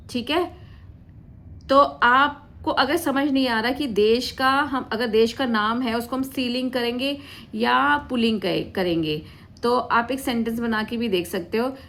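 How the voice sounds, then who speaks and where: Woman teacher, fairly high voice, patient classroom explainer who quizzes and answers. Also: fairly bright tone, a little hiss or hum. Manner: patient, asks questions and answers them herself, calls students "beta". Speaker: Hindi grammar teacher. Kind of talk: classroom-style grammar lesson.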